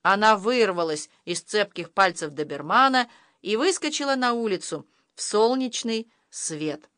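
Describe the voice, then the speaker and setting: A woman narrating a children's audiobook in an expressive, animated way. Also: medium pitch, unhurried, no room sound, clean studio sound. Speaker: audiobook reader. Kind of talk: scripted storybook narration.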